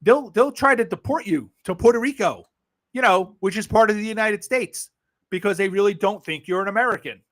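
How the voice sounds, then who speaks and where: High-pitched, slightly quick and a bit bright, a New York-accented man from Brooklyn runs a casual political livestream. His talk is blunt and sarcastic, with free swearing and plenty of laughs.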